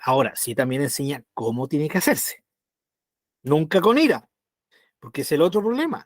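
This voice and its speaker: A Chilean-accented man with a voice on the high side teaches a Bible study conversationally, often checking in with listeners. He is animated and acts out little voices, recorded in clean studio sound with no echo.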